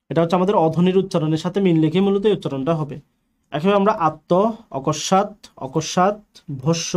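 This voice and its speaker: Male teacher, slightly high voice, online grammar lecture, asks and answers his own questions. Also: darkish tone. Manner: explanatory, poses questions and answers them himself.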